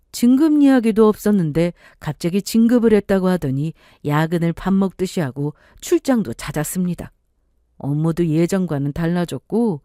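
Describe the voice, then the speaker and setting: A woman's voice: mid-range voice, warm tone, no room sound, clean studio sound. A woman narrating a scripted first-person story in a confiding storytelling tone.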